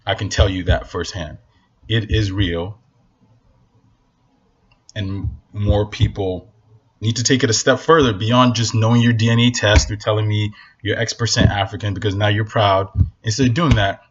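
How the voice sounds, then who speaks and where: A vlogger from Northern Nigeria, a native Hausa speaker, delivers a blunt, impassioned opinion rant to camera, repeating himself for emphasis. His voice is on the low side, husky, and fairly bright, and the casual vlog has a lo-fi sound.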